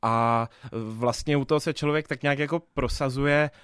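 A man's voice: medium pitch, steady tone, fairly bright tone, clear, resonant tone, no room sound, clean studio sound. A young man, a theatre dramaturg answering interview questions thoughtfully, with many fillers and restarts. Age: 20s.

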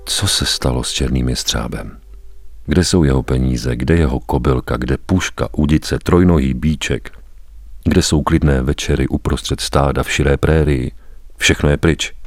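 A man reading a story aloud as a narrator, grave and measured, with weighty pauses. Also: very deep voice, dry recording, clean studio sound. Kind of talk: dramatic audiobook narration.

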